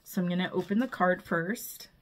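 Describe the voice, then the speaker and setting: A woman's voice: on the low side, normal speed, a bit bright, slight background noise. Bubbly, gushing woman vlogger. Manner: bubbly and gushing, often breathless with delight. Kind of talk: casual unboxing vlog.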